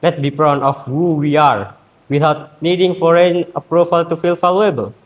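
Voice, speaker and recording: A teenage Indonesian student with an Indonesian accent gives an earnest, rhetorical competition speech with emphatic pauses. His male voice is a little high and steady in tone.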